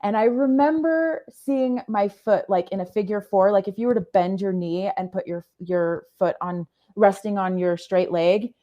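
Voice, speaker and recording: This woman has a mellow, medium-pitched voice, recorded with dull audio. Telling a personal story as a podcast guest, she sounds earnest and halting, regularly stopping to rephrase and search for words.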